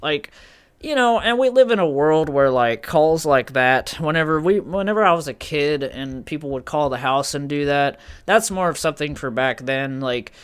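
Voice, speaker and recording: Rambling man with a smooth voice. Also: a little high, expressive, normal speed. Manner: rambling, full of fillers and restarts. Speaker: podcast co-host. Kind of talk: casual podcast chat.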